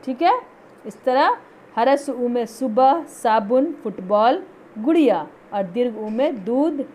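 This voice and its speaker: A woman teaching a Hindi lesson, patiently repeating words slowly to show how each vowel is said. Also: a little high, lively intonation, darkish tone. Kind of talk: online school lesson.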